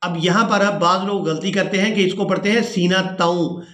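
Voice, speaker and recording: A man teaching tajweed, spelling out letters and vowel marks, then chanting each verse slowly and melodically. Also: high voice, fairly even intonation, a bit bright. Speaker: Quran recitation teacher. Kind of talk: tajweed lesson with chanted recitation. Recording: echoey room.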